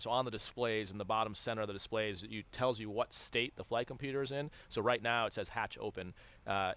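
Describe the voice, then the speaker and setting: A man's voice: lowish voice, a bit bright. A man giving live explanatory commentary as an expert on a launch broadcast.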